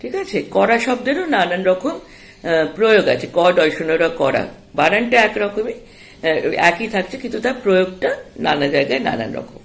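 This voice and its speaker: A woman's voice: medium pitch, very animated. A woman teaching a spoken language lesson for children, explaining patiently and often checking that the listener follows. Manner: slow, explaining, checks understanding with asides.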